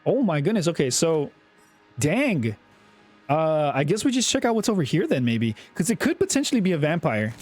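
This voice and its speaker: A young man giving casual, chatty commentary over his own gameplay, often repeating himself and getting excited. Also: fairly high pitch, moderate pace, faint music behind. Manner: chatty, self-talking, repeats words, excitable. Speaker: gaming YouTuber.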